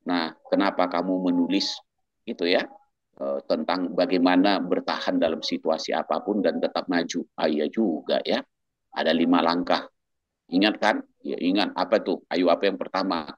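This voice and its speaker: A man, a doctor and church minister, telling his faith testimony in a casual talk-show chat, animated, quoting others and chuckling as he goes. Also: low voice, normal speed, highs cut off.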